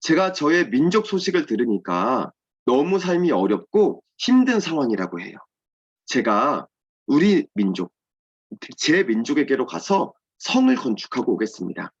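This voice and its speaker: Man voicing a pleading royal official in a kids' Bible story, lively and heartfelt, dull recording. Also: medium pitch, moderate pace, breathy edge. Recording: dull lo-fi sound.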